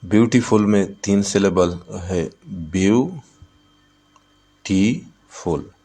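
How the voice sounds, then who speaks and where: A man's voice: low voice, takes it slowly, a little mellow. A man teaching a textbook lesson. He reads English lines and then explains them in Urdu, repeating words as he counts syllables.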